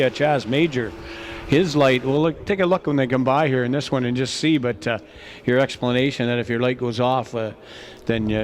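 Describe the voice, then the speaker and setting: A man giving conversational live race commentary, a little halting as he thinks aloud. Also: mid-range voice. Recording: background noise at outdoor race.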